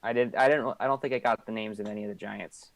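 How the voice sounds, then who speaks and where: A man's voice: lowish voice, fairly even intonation, quick pace, gravelly. A man playing a tabletop game on a live stream, talking in character with lots of hesitation and trailing off. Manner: hesitant, full of ums and trailing off. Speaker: player.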